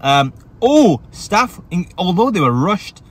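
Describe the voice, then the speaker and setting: A man from England with a high, slow voice and big pitch swings hosts a casual food review vlog. Parked in his car, he eats and talks in a chatty, upbeat way.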